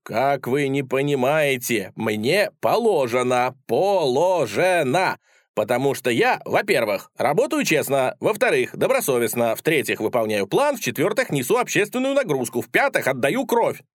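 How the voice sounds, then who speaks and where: A man's voice: mid-range voice, very animated, normal speed, hardly any pauses, dry recording, clean studio sound. A man voicing a naive, earnest young man who argues insistently. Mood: insisting.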